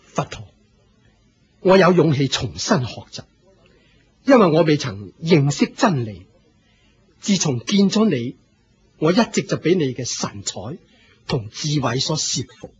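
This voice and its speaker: In a theatrical Buddhist radio drama, a man with a Hong Kong Cantonese accent plays an aging religious leader who is proud yet humble, using a full character voice. His fairly high, husky voice is sing-song and a little slow, with frequent pauses, and the mood is humble and earnest. The recording is muffled and lo-fi.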